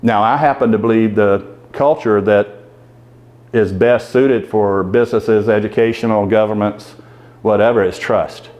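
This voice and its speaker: A man's voice: lowish voice, steady tone, a little slow, a little mellow. A man giving a conversational leadership talk to a club audience, asking them questions as he goes. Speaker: guest speaker at a club meeting.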